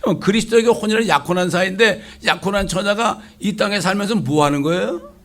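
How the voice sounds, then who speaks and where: Lively preaching pastor, higher-pitched man. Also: fast. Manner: lively, asks rhetorical questions, acts out quotes. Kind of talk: conversational sermon.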